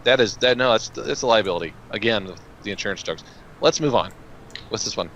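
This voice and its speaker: A man's voice: fairly low pitch, expressive, a little fast, a bit bright, muffled recording, slight background noise. A man co-hosting a casual card review over a video call, playful and full of jokes. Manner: playful, jokey. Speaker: co-host reviewing cards. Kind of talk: casual joking chat.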